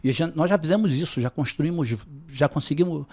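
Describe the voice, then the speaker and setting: Man, podcast guest, gravelly voice, slightly high pitch, calm measured talk. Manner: calm, measured, repeats words when searching. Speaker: podcast guest, business leader. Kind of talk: casual interview talk.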